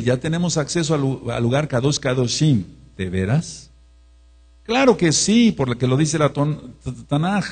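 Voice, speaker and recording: A man's voice: mid-range voice, dark tone. A man preaching a sermon, emphatic, repeating phrases and leading the congregation to repeat after him. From Mexico.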